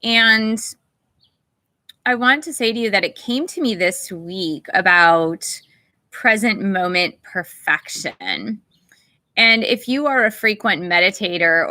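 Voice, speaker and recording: A woman hosting a livestream, talking gently and unhurriedly before leading a guided meditation and greeting viewers in the chat. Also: medium pitch, no echo. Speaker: meditation teacher and channel host.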